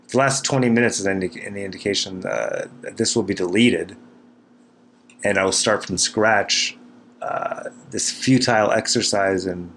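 Low-voiced man rambling, noisy cabin recording. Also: fairly bright tone. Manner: self-deprecating, dryly wry. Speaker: podcast host. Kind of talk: casual rambling solo podcast monologue. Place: small cabin kitchen in the mountains. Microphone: recording into a computer.

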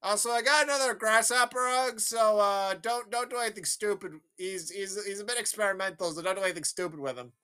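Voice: medium pitch, brisk, few pauses, pushed and bright, smooth, voice pushed up, close to an everyday voice. A speaker acting out an impatient male villain leader who snaps orders at an underling while recapping a film. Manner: impatient, commanding.

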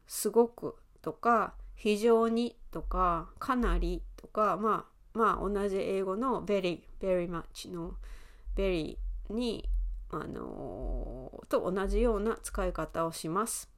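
A woman in her thirties with an Osaka accent, hosting a podcast lesson and explaining words in an easygoing way with fillers and soft laughs. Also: mid-range voice, takes it slowly. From Osaka, Japan. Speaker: Japanese teacher and podcast host.

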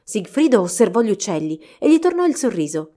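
A woman narrating a fairy tale storybook in a steady, expressive reading. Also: medium pitch, a little fast.

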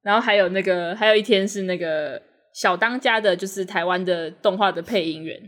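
A woman, co-hosting a casual podcast chat, eager and quick, repeating words when excited. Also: medium pitch. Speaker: podcast co-host.

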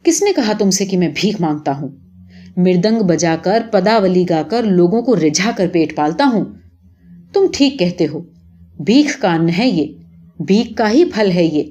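An old male village drummer from a storybook tale, proud and quick to take offence, as a woman reader puts him on. He turns from gentle coaxing to sharp anger, with a lively, swooping melody in a mellow, darker tone. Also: mid-range voice. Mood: hurt.

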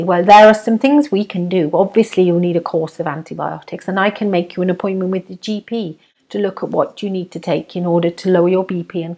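A woman voicing a gentle older nurse. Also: medium pitch, natural voice. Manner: calm, soft and concerned.

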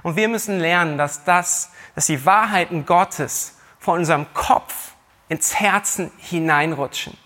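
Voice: mid-range voice, unhurried, pushed and bright. A preacher delivering a sermon who retells a scripture story in everyday words and speaks straight to the listeners. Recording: long hall reverb.

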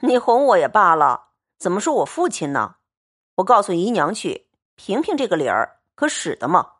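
A woman's voice: on the low side, big pitch swings, moderate pace. A woman doing a playful doting young nobleman. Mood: flustered. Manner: teasing, then pleading.

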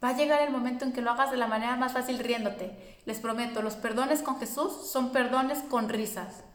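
Woman giving a spiritual talk, kinda high voice, roomy echo, earnest and reassuring. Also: a little fast. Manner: warm, earnest, reassuring, speaks directly to listeners. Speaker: spiritual course teacher.

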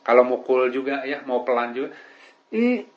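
A man's voice: mid-range voice, lively intonation, normal speed. A man giving a casual religious lesson as a preacher, talking conversationally and often asking "right?". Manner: conversational, peppered with tag questions. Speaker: Islamic preacher. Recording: dull lo-fi recording.

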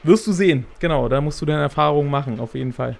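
A man's voice: on the high side, fast, vocal fry, darkish tone. A man in his thirties co-hosting a podcast, talking casually and rambling with many fillers. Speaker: podcast co-host. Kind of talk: casual chat.

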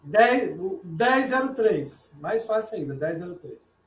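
A man, the guest poet, chats in a hesitant, halting way and laughs easily. His voice is slightly high for a man. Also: big pitch swings, reverberant, poor audio. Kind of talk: casual chat.

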